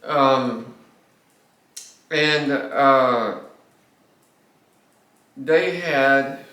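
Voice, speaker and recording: A man's voice: medium pitch, drawn-out words, bright, forceful tone, distant mic. An older man, a pastor giving a classroom lecture with anecdotes, emphatic and often restarting his words. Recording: echoey classroom.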